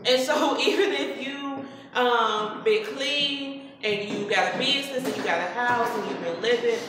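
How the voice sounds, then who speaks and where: A woman's voice: on the high side, a little slow, a bit bright. Host type: woman, emphatic and preachy, heard in a big reverberant hall. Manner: emphatic, preachy, repetitive rhetoric. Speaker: radio host. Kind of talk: impassioned talk at a live event. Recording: very echoey hall, faint noise.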